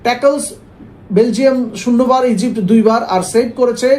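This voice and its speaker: A man's voice: extremely high pitch, steady tone, brisk, darkish tone. A man commentating a football video game for viewers, addressing them as friends and mixing in English words. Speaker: gameplay commentator. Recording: echoey room, faint background noise.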